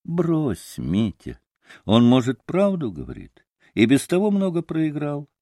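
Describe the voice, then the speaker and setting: A man's voice: huge pitch swings, a little slow, dry recording, studio quality, exaggerated voice. A man doing a young woman's uneasy voice. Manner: low, odd note, then sharp. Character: young woman, soft then commanding.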